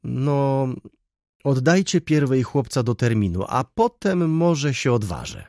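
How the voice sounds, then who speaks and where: A man's voice: medium pitch, very animated, slow, dark tone, no room sound, studio quality, pitched above the performer's own voice. A man voicing a tearful, self-pitying elderly aunt in an audiobook, with a wailing, plaintive delivery. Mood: coy. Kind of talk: audiobook character reading.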